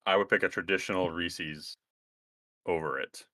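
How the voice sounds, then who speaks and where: A man's voice: deep voice, steady tone, normal speed, sharp tone, no room sound, studio quality. A man co-hosting a podcast, rambling through casual banter with crude jokes. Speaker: podcast co-host.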